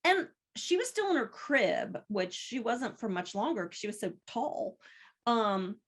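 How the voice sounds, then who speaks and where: A middle-aged woman chats on a podcast, spinning family stories with plenty of animation. Her voice sits fairly high and leaps around as she replays old moments. She talks casually, like a storyteller at the kitchen table. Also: very animated, measured pace. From rural United States farming community. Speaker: guest, mother of the co-host.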